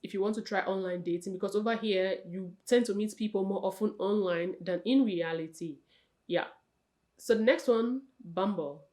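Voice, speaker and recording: Young woman vlogger, mid-range voice, chatty and direct with her viewers. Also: mid-range voice. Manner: chatty, talks straight to viewers as "you guys" and "sis"; expressive, with frequent self-corrections. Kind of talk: casual advice vlog.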